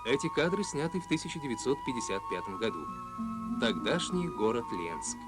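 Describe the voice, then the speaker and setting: A man reading scripted documentary narration in an old newsreel manner, measured and solemn, on a 1980s Soviet film soundtrack. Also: mid-range voice, big pitch swings. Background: music.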